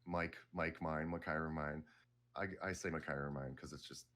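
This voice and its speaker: Middle-aged male guest, very low voice, loose rambling delivery. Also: fairly even intonation, moderate pace, fairly bright tone. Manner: rambling, self-correcting, laid-back. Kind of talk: casual interview talk.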